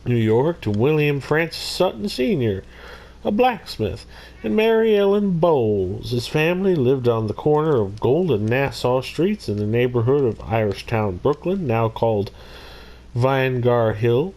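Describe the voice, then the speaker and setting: A man's voice: medium pitch, big pitch swings, a little slow, darkish tone. A man hosting his own video, casually narrating a criminal history and breaking off into rambling jokey asides. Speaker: YouTube host. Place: Missouri.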